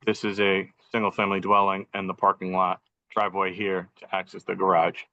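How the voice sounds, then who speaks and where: A man's voice: low-pitched, completely flat delivery, brisk, no echo. A man, a professional engineer, joining by video call over poor Wi-Fi, methodically walking a meeting through a site plan. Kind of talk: formal presentation at a public meeting. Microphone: computer audio on a video call. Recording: dull lo-fi video call audio, dry.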